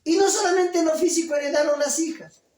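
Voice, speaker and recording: A pastor delivering a sermon, loud and emphatic, full of rhetorical questions. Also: male voice, extremely high pitch, fairly even intonation, fast talker. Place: church. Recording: echoey church from a distance.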